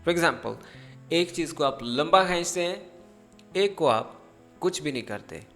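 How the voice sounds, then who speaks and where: A man teaching an English pronunciation lesson, speaking deliberately and stretching out example words so learners can repeat them. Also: on the high side, animated, fairly bright tone, faint music behind. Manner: switches into careful, drawn-out English for examples. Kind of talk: spoken language lesson.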